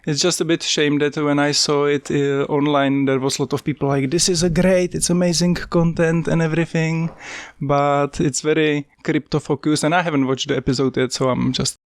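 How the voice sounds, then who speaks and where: A man's voice: fairly high pitch, flat delivery, moderate pace, dry recording, clean studio sound. A man from the Czech Republic with a Czech accent, a podcast guest telling his story in an earnest, plain-spoken way with small slips in his English. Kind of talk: casual interview, telling his life story.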